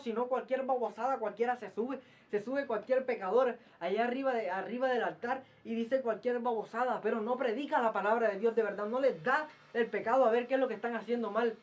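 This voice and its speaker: A man preaching a fiery, scolding sermon, firing off rhetorical questions and repeating himself. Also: extremely high pitch. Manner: repeats phrases and stumbles into restarts. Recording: muffled lo-fi recording.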